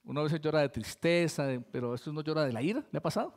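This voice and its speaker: High-voiced pastor preaching. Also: male voice, lively intonation, a little fast. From Colombia. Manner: conversational preaching with rhetorical questions to the congregation. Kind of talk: sermon.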